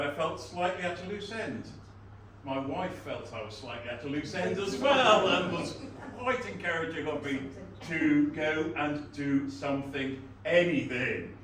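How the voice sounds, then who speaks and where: A man's voice: medium pitch, fairly bright tone. A man, answering panel questions in an articulate, wry, self-deprecating way. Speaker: town crier candidate, retired teacher. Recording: very echoey hall, distant mic, faint noise.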